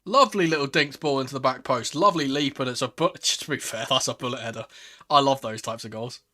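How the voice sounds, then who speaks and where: A man hosting a live football watchalong, calling the play in a casual, excitable fan's manner. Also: mid-range voice, fast talker. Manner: excitable, swearing, shifting from murmured play-by-play to raised exclamations. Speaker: host of a football watchalong stream. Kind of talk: live football commentary with casual fan reactions.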